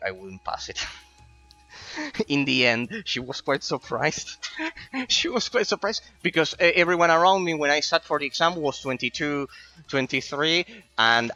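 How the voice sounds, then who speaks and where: While playing games on stream, a man in his late twenties, Spanish being his first language, chats loosely with viewers and keeps stumbling and repeating words when starting sentences. He has a mid-range, bright, forceful voice.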